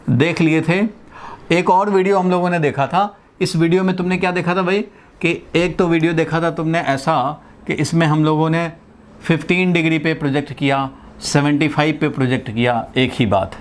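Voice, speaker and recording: A man with a slightly high voice, heard over faint background noise. He's an Indian physics teacher giving a classroom lecture, working through the material step by step, repeating key phrases and checking in with his students.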